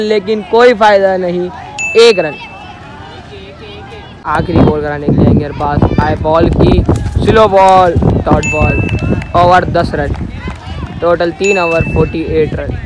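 A man with a fairly high voice calls ball-by-ball commentary on an amateur street cricket match, announcing each delivery in the same repetitive pattern at a measured pace. It was recorded outdoors on a phone, and the audio quality is poor.

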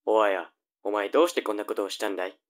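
A man's voice: fairly low pitch, racing, natural voice. A man playing a nagging, flippant young older brother in a tongue-twister audio drama. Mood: accusing.

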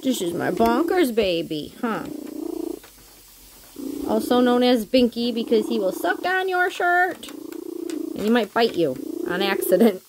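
A woman's voice: fairly high pitch, big pitch swings, measured pace, pauses often, background noise. A woman at home with her cats, talking to them in affectionate cooing baby talk. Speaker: cat owner. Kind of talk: home pet video. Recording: loud cat purring close to the mic.

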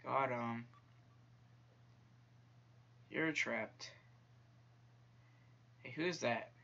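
A man's voice: medium pitch, extremely slow, gravelly, pushed and bright, lo-fi sound. A young man commenting on a horror game he is playing, jumpy and talking to the characters on screen. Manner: jumpy, talks to the game's characters, whispers when tense. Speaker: gaming YouTuber. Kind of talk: let's-play commentary.

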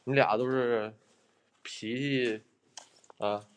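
A man's voice: mid-range voice, steady tone, extremely slow, slight background noise. A man hosting a live stream as a ghost hunter in an abandoned building, chatting bluntly with viewers, swearing and thanking them for gifts. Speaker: livestreaming ghost hunter host.

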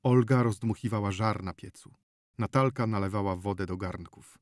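A man reading an audiobook novel in a measured, steady narration close to the mic. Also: on the low side, dry recording.

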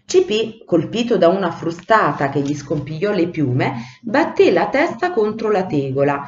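A woman teacher reading a children's storybook aloud in an animated way, in a roomy, lo-fi recording. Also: on the low side, normal speed. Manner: animated, acts out the voices. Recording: roomy, dull lo-fi sound.

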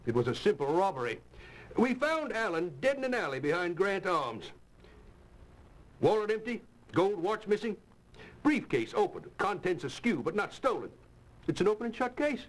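Brief: a brusque inspector, high, animated voice. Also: male voice, normal speed, pauses often, low-quality recording. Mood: dismissive. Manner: brusque, dismissive. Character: dismissive police inspector. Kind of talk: video game voice acting.

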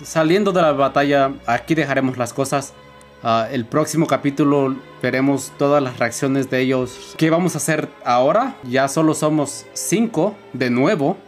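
Casual gaming man over loud music. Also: mid-range voice, moderate pace. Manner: casual and chatty, signs off informally. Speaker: let's play host. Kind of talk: gameplay commentary, reading dialogue aloud. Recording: loud game music underneath.

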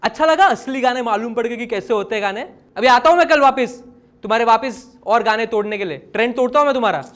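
A man's voice: very high-pitched, fast, a bit bright. A man in a comic sketch playing a stern, mocking rehab centre staffer who scolds the patients. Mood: scolding.

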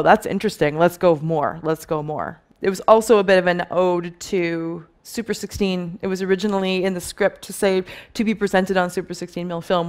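A woman in her thirties giving a conference presentation as a film colourist, thoughtful, with many fillers and restarts. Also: on the low side. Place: dim stage with dark backdrop.

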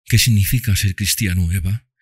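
A man's voice: low-pitched, steady tone, normal speed, a little mellow, husky, no echo, studio quality, voice pushed up. Male reader as grief-stricken father, pained and pleading, lifted voice, audiobook. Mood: gentle. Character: grieving, bitter wealthy father.

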